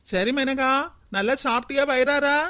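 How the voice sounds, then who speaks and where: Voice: high-pitched, normal speed, pushed and bright, clear, resonant tone, no echo. A performer doing a tart sceptical cartoon housewife. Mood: matter-of-fact. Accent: Kanyakumari Tamil. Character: sharp-tongued sceptical young housewife, Chinna Ponnu. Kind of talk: animated cartoon voice acting.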